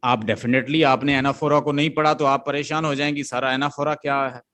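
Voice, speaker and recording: A man's voice: medium pitch, steady tone, fairly quick, a bit bright. A male literature teacher lecturing a class, explaining step by step, chanting stress beats aloud and often checking that the students follow.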